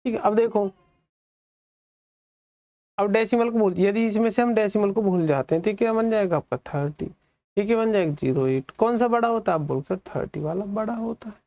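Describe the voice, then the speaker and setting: An Indian man teaches a maths lesson. He keeps quizzing his students, then answers in their place in a quieter, lower voice. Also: moderate pace, pauses often, dry recording. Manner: asks questions and answers them for the students; drops lower and softer on the students' replies.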